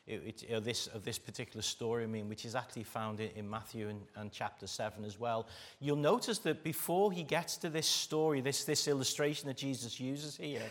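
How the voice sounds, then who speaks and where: A man's voice: medium pitch, a little fast. A man with an English East Midlands accent from Derbyshire, preaching a church sermon in an emphatic way, repeating phrases for weight. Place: speaking live to a church congregation.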